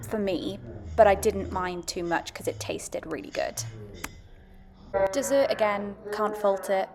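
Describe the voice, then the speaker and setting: A woman giving a casual, chatty, understated voice-over review as a food and travel vlogger. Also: medium pitch.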